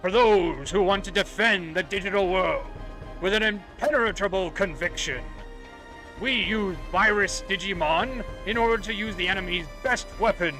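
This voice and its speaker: A man voicing a stern, royal monster knight who proclaims grandly in a booming warrior-king manner for a tabletop game. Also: moderate pace, bright, forceful tone, faint music behind. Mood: proud, proclaiming.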